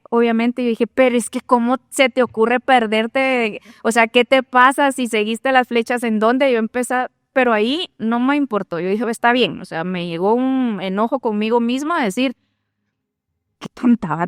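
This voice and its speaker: A woman recounts her testimony, slipping into the voice of her own thoughts as she goes. Her voice sits a little high, and the sound is dry and close. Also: unhurried, clean tone, dry recording. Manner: animated storytelling, acts out her own inner thoughts. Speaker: guest sharing testimony. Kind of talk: conversational testimony.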